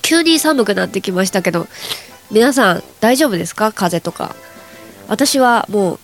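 A woman's voice: mid-range voice, animated, normal speed, soft background music. A young woman hosting a chatty solo radio show, her voice nasal and stuffed up from hay fever, rambling casually to her listeners. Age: young adult. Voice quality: nasal, congested.

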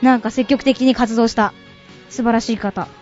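A woman's voice: fairly high pitch, steady tone, a little mellow, soft background music. A teenage girl, a singer guest on a radio show, cheerfully chatting and reading out trivia. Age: teens. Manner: cheerful, reads trivia slowly and carefully. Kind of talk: casual radio chat. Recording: slightly dull radio recording.

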